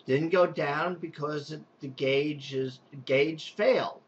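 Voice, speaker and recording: A pool and spa technician with a strong Long Island, New York accent rambles through an unscripted how-to demonstration, restarting often and filling gaps with fillers. His male voice is on the high side and slow, and the recording has its highs cut off.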